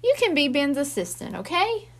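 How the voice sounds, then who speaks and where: A woman's voice: high-pitched, big pitch swings, moderate pace, a bit bright, pitched above the performer's own voice. A woman reading as a worried older boy. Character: friendly older boy babysitting siblings.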